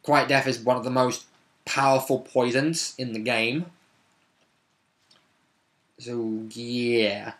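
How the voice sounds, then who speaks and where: This man recaps a tabletop roleplaying session as a vlogger, rambling through it with wordy asides and self-corrections. His voice is medium-pitched and a bit bright, with a level tone, a slow pace and long pauses. The storytelling is casual and unscripted.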